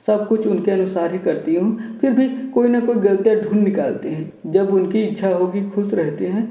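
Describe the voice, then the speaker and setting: A man voicing a hurt young wife who speaks softly and pleadingly. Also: high voice. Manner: soft, pleading. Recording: roomy echo.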